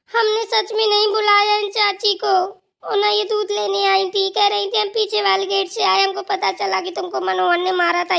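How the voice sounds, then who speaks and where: A woman's voice: extremely high pitch, creaky, a bit bright, full character voice. A woman voicing an earnest young daughter-in-law in a cartoon who pleads her case to her grandmother-in-law. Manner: earnest, pleading and defending herself. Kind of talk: cartoon voice acting.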